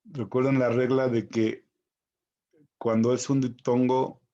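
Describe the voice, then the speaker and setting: A man teaching a recorded Greek vocabulary lesson, spelling out each pronunciation slowly and carefully. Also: mid-range voice, level tone, mellow, highs cut off.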